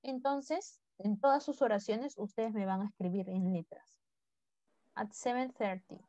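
A woman's voice: mid-range voice, a little slow, warm tone, no echo, dull audio. A woman teaching English to a class online, speaking mostly Spanish and coaxing her students to repeat words after her. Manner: coaxing, drills pronunciation by repeating.

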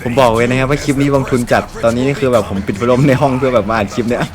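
A man's voice: mid-range voice, steady tone, racing, crowd noise. A young man casually commentating his gameplay from a dorm room, chatty and very polite, laughing often. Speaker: gaming host. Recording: road noise bleeding into mic. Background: street traffic noise.

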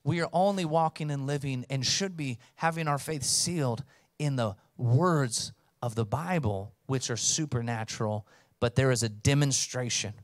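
A man's voice: medium pitch, no room sound, clean studio sound. A man in his thirties preaching a sermon as pastor, speaking emphatically into a handheld mic on a church stage and calling out to the congregation. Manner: emphatic, rising to loud calls for response. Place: church stage with blue lighting. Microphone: handheld microphone.

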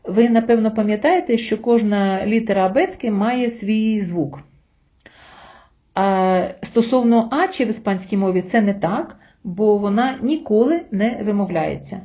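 Female language teacher, warm mellow tone, patient explainer, slightly lo-fi recording. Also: medium pitch, lively intonation, unhurried. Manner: clear, patient explaining with rhetorical questions. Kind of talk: scripted lesson narration. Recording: slightly dull lo-fi sound.

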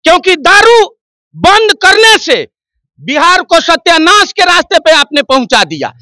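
A man, ranting loudly and forcefully in a street interview and accusing a politician. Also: very high-pitched, sing-song, unhurried, no echo. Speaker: member of the public interviewed. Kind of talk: impassioned street interview rant.

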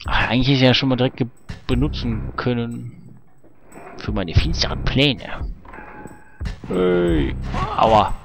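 A man's voice: medium pitch, animated, measured pace, gravelly, long pauses. A man casually commenting on a video game as he plays, chatty and swearing at it now and then. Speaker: let's play gamer. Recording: game music behind. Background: game music.

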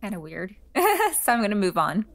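A woman's voice: medium pitch, fairly quick, fairly bright tone. A young woman giving casual commentary as she plays a video game. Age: young adult. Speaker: gamer reacting to a playthrough. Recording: game music behind the voice.

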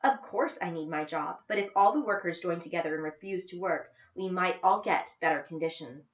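A blunt, biting teenage girl, read aloud by a woman with a fairly low voice. Her words come out mocking and defiant. The sound is echoey and a little dull. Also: brisk, close to an everyday voice. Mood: lecturing.

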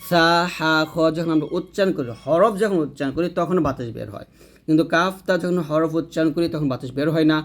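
A man's voice: fairly high pitch, darkish tone. A man teaching Quran reading step by step, repeating each letter and answering his own questions. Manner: repetitive, asks questions and answers them himself. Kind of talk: step-by-step recitation lesson.

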